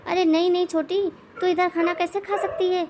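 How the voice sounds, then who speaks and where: A woman voicing an outspoken elder daughter-in-law in an animated moral story, lecturing and sarcastic. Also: high-pitched, moderate pace, background noise, lightly acted.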